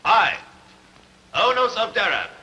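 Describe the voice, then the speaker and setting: In dramatic film dubbing, a man voices an aggrieved, jealous ancient nobleman making accusations before his king, formal and pointed in courtly fashion. His high voice swings widely in pitch and moves slowly, bright and forceful, with the highs cut off and the character fully played. A long hall reverb surrounds him.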